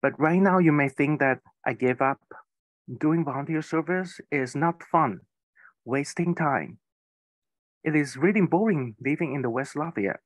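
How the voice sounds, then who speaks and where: Slow, careful man giving a keynote. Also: fairly high pitch, dry recording. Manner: slow, careful storytelling with occasional slips. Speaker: keynote speaker. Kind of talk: prepared speech.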